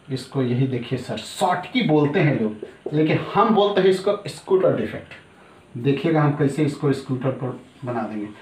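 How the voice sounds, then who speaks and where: A middle-aged man teaching a chemistry class, chatty, repeating each term and calling his students sir. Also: a little high. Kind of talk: classroom lecture. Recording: echoey room, voice from a distance.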